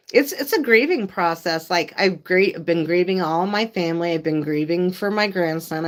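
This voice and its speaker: An older woman hosting a casual live stream, laughing often and chatting with her dog and viewers. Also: lowish voice. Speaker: livestream host.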